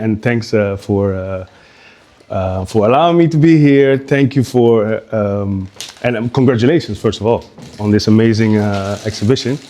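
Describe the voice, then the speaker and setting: A man from Curaçao giving an informal live talk as a guest speaker at an art exhibition. He speaks in a halting, conversational way and often restarts his sentences. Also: on the low side, mellow, a little hiss or hum.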